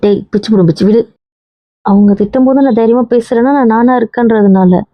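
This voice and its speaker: A woman's voice: fairly high pitch, brisk, dry recording, highs cut off. Teasing, coaxing woman. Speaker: wife in a family drama. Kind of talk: scripted family drama dialogue.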